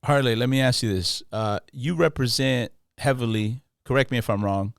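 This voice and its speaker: A Los man hosts a casual podcast chat, loose and friendly, trailing into slang and restarting his sentences. His voice sits at an ordinary middle pitch. The sound is dry and close. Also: normal speed, creaky, clean tone, dry recording. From Los Angeles. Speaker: podcast host.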